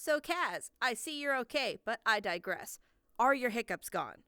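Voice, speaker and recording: A cool young cartoon rock star girl with a loud, brash delivery. Her voice is bright and slightly high, and the sound is dry. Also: lively intonation, a little slow, smooth, no echo, full character voice.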